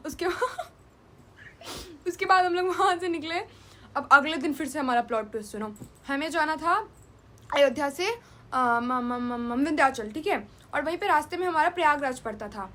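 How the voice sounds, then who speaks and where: A young woman telling a travel story in a casual storytime vlog, chatty and animated, mixing in English words. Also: sits high, moderate pace. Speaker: vlogger.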